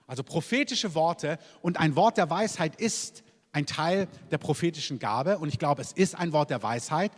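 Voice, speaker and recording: A man's voice: fairly high pitch, animated, normal speed. Preaching man in a reverberant hall. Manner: emphatic preaching, repeated "Amen". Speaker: pastor. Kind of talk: sermon.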